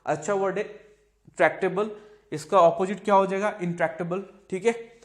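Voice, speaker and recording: Man, vocabulary teacher, slightly high voice, repeats each word. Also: fairly even intonation, moderate pace. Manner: explains in Hindi mixed with English, repeats words, asks "ठीक है?" often. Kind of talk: exam-prep vocabulary lesson.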